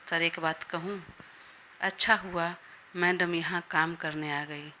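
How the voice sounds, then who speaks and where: A woman's voice: on the low side, steady tone, takes it slowly, bright, forceful tone, a little hiss or hum. A woman voicing a polite, eager young male employee, in a Hindi audio story.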